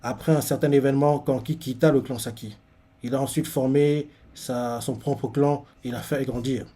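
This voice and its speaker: A man reading the lines of a calm female clan chief in a manga, measured and explanatory, with fillers. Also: medium pitch, close to an everyday voice.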